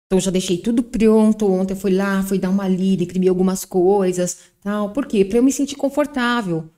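Woman, psychologist guest, podcast interview, explanatory, rhetorical questions, warm mellow tone. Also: medium pitch, fairly quick.

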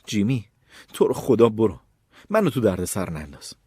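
A frightened woman begging her brother for mercy, her voice lifted above the reader's deep tone but still breathy, as a male narrator puts her on. She pleads fearfully and anxiously throughout. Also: big pitch swings, warm tone, no echo, clean studio sound, exaggerated voice. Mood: pleading.

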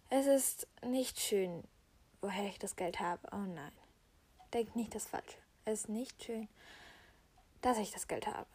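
A woman voicing a gentle mother in an amateur role-play voice-over, talking in a hushed, calm way. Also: a little high, breathy edge. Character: gentle mother revealing a farm gift. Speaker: mother character.

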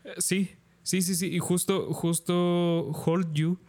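A man's voice: high voice, slow. A man with a Mexican accent, co-hosting a music podcast in casual, slangy chat full of fillers. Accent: Mexican Spanish. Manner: relaxed slangy talk, many fillers. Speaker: podcast co-host.

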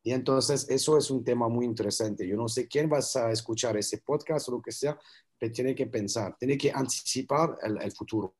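A man's voice: medium pitch, normal speed, a little mellow, breathy edge. A man with a non-native accent in Spanish, talking earnestly in a casual interview, repeating words and making grammar slips as he searches for them. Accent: foreign, non-native Spanish. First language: not Spanish. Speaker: interview guest, filmmaker.

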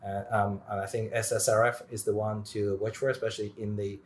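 A man speaking as a guest expert in a technical interview, animated, with many fillers and restarts. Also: fairly low pitch, brisk.

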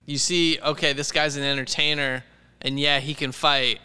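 A man's voice: fairly high pitch, level tone, moderate pace, pushed and bright, clean tone. A man chatting casually about sports as a podcast co-host, recorded in a reverberant room.

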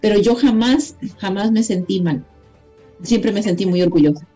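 A woman with a Mexican accent speaks as a radio guest, earnest and proud, encouraging listeners. Her voice has a mellow, warm tone, with faint music in the background. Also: mid-range voice, normal speed, breathy edge. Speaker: guest author. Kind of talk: casual radio interview.

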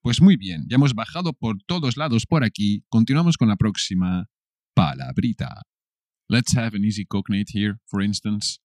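A man with a Castilian Spanish accent teaching a beginners' vocabulary lesson, slow and deliberate with playful asides. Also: lowish voice, a little mellow, no room sound, studio quality.

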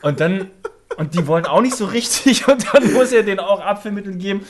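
A man's voice: high voice, a little fast. A man in a casual podcast chat, retelling a film in a rambling way and laughing as he talks.

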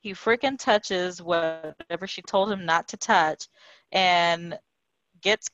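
A woman's voice: fairly low pitch, slow pace, fairly bright tone, dry recording, faint music behind. A woman co-hosting a podcast, telling a story in casual chat, chatty and laughing. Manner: chatty, laughing, mixes in Spanish quotes. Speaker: podcast co-host. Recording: dull dry lo-fi sound.

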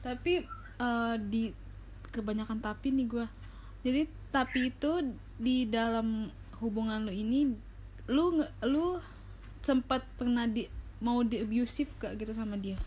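A woman's voice: a little high, measured pace, long pauses, a little mellow, slight background noise, poor audio. A young woman hosting a casual, slangy podcast, with an impediment that slurs her r sounds. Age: young adult. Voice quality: slurred r sounds, a speech impediment. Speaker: podcast host.

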